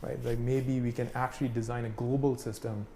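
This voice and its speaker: A man's voice: medium pitch, little pitch movement, brisk, mellow. A man from Pakistan explaining things in a casual conversational way, full of fillers and "right?" checks. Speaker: instructor. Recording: echoey room, faint noise.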